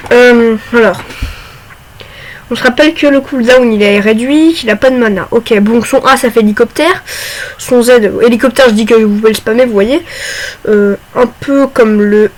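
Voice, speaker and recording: A young woman casually talking through game tips, chatty and excitable with lots of fillers. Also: fairly high pitch. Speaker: gaming YouTuber. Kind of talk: casual gaming commentary.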